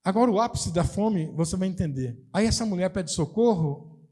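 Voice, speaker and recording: A man's voice: high voice, animated, normal speed, dark tone. A middle-aged man with a Brazilian accent, a pastor preaching a sermon and explaining emphatically while repeating key phrases. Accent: Brazilian Portuguese.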